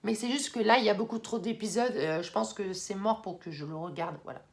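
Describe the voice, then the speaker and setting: A young woman in casual vlog talk, chatty with many fillers and excited bursts, now and then moving off the mic. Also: medium pitch, a little fast. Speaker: YouTuber ranking anime. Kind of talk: casual vlog tier list.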